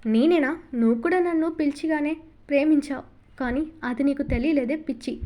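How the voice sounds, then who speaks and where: A woman's voice: high-pitched, a little fast, dark tone, natural voice. A woman voicing a young man, an ardent and tender loving husband, in an audiobook novel reading, with a fond, coaxing manner. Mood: teasing.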